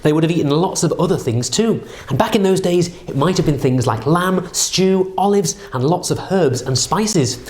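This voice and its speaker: A man's voice: a little high, a little mellow, roomy sound. A man presenting to children like a kids party magician, with jokey, theatrical patter in a scripted show.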